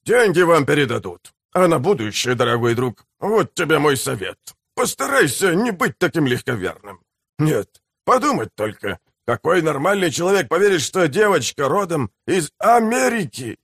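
A man's voice: fairly high pitch, sing-song, moderate pace, gravelly, fairly bright tone, slightly rough, no room sound, studio quality, heavily acted. A man voicing a pompous, scheming male mayor in an audiobook, speaking in a grand, lecturing way.

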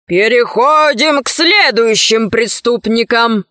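A woman's voice: a little high, takes it slowly, fairly bright tone, no echo, clean studio sound. A woman voicing a pompous fat male official who proclaims verdicts at a trial in a storybook reading.

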